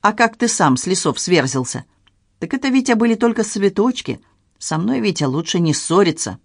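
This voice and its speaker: A reader voicing a shrewd, unflappable middle-aged woman sleuth who speaks calmly and ironically, with quiet menace. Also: mid-range voice, moderate pace, creaky, no echo, studio quality, voice pushed up. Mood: menacing.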